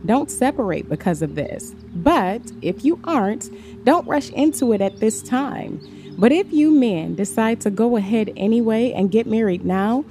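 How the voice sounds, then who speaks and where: A woman giving a measured, steady scripted Bible reading. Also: a little high. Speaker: scripture reader. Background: faint background music.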